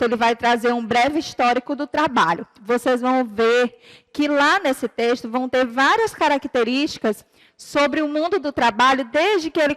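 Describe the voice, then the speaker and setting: A Brazilian woman teacher giving a recorded lesson to children, explaining patiently and clearly and drawing out her example words. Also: high-pitched, a bit bright, long reverb tail. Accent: Brazilian Portuguese. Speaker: primary school teacher.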